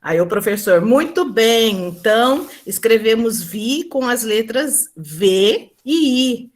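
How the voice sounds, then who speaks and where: Speaking at an online symposium on teaching, a woman whose voice is on the high side and animated shares her classroom experience. She's hesitant, using many fillers and starting over often, and she acts out teacher and pupil dialogue slowly.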